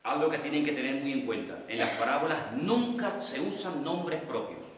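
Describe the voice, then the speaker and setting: A man from teaching a Bible study class as pastor, speaking slowly and repeating key terms so his students can note them down. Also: fairly high pitch, expressive. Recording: echoey hall, voice from far off the mic.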